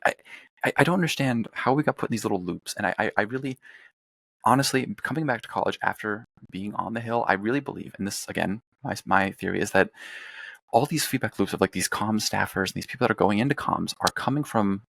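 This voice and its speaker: Young man, podcast guest, gravelly low voice, blunt and profane, dry close sound. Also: fairly bright tone, no echo. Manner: blunt, profane, rapid rambling with restarts. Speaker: podcast guest, former congressional staffer. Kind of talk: casual political chat.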